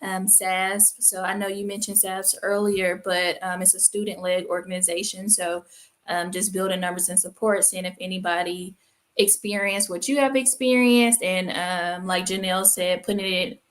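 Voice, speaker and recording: A woman graduate student on a video call panel, speaking thoughtfully with frequent pauses. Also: lowish voice, steady tone. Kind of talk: panel discussion.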